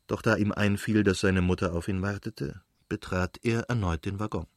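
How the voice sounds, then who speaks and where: A man reads a classic novel aloud in a measured, literary way. His voice sits low. The recording is close and dry, with no room around it. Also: steady tone, no room sound. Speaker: audiobook narrator. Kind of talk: scripted narration of a classic novel.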